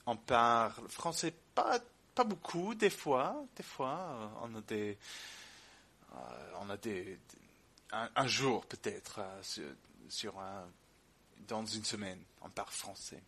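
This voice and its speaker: Man speaking halting French as a non-native. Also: lowish voice, animated, pushed and bright, slightly rough. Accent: foreign, English-speaking. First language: English. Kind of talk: casual chat, reminiscing.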